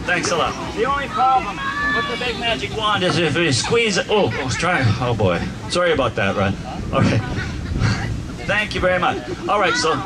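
A man's voice: high-pitched, big pitch swings, moderate pace. A man performing as a kids party magician outdoors, talking to his audience like a playful showman full of mock amazement. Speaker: children's magician and musician, host of the show. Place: outdoor park lawn under trees. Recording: outdoor PA, music and crowd noise behind.

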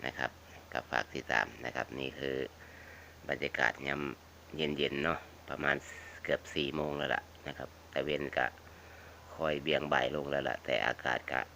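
A man's voice: a bass voice, flat delivery, moderate pace, sharp tone, slight background noise, low-quality recording. A man with a northeastern Thai Isan accent chatting casually and repetitively to viewers as a folksy vlog host, addressing them like family. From northeastern Thailand (Isan). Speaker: video channel host. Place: outdoors around a house.

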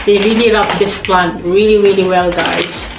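A woman vlogging an excited unboxing, gushing and exclamatory, gasping often. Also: mid-range voice, normal speed. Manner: gushing, exclamatory, keeps gasping and saying oh my God. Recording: echoey room with faint music.

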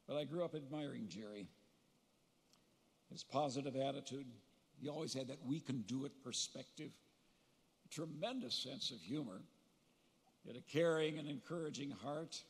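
An older man gives a funeral eulogy for his brother at a podium microphone, telling family stories with gentle humor and pauses to recall details. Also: medium pitch, slightly rough. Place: large funeral hall. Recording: long reverb of a large hall.

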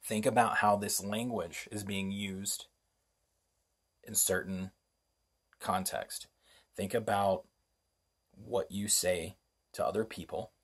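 A man hosting a spoken lesson on language and spellcraft, unhurried and reflective, often asking rhetorical questions. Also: on the low side, husky. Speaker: host.

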